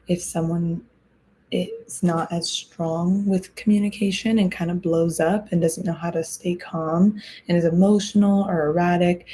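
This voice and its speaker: A young woman in her twenties hosting a podcast, talking through advice in an earnest, reflective way, pausing and restarting as she thinks. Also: fairly low pitch, mellow, slight background noise. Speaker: podcast host. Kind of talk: casual advice talk.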